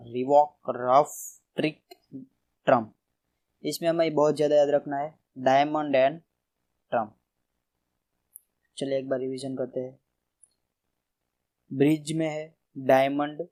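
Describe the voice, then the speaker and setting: A man's voice: medium pitch, darkish tone, poor audio. A man teaching a general knowledge revision lesson, reading out word lists and stressing each term. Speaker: quiz teacher.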